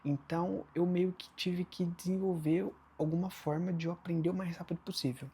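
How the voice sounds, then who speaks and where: A man's voice: high-pitched, steady tone, normal speed, warm tone, breathy edge. A Brazilian man with a Brazilian Portuguese accent, giving casual vlog advice in a loose, rambling way full of fillers. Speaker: vlogger. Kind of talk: casual talking-head advice.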